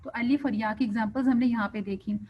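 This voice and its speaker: A woman's voice: a little high, steady tone, husky. A woman teaching a Quran recitation lesson, patiently explaining pronunciation and showing wrong and right ways. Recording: dull lo-fi sound.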